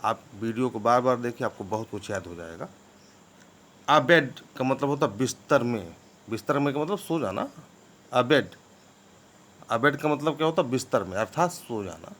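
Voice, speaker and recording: Guy teaching english words, spells them out slowly, keeps asking if you got it, average pitch. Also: animated, fairly bright tone. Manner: spells words letter by letter, often asks "ठीक है ना?". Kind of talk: vocabulary lesson.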